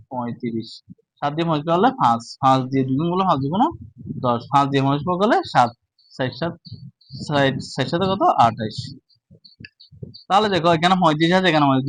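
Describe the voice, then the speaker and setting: A man teaching a math lesson, speaking slowly and asking his own questions before answering them. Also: on the high side, a bit bright, no echo, rough recording. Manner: slow, repetitive, asks and answers own questions. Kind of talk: casual classroom lesson.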